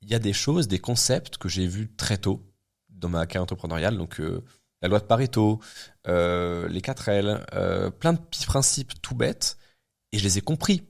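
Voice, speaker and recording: Low-pitched and creaky yet expressive, this twenty-something guest entrepreneur speaks at a moderate pace in a casual podcast conversation. He's blunt, talking things through aloud with many fillers and restarts.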